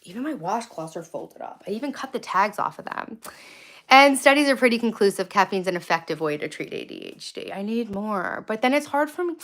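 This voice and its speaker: Very animated and a little fast, her medium-pitched, fairly bright voice fills a casual home phone stream. She rambles bluntly to viewers, gets easily sidetracked, and moves between rooms with the phone, over faint background noise.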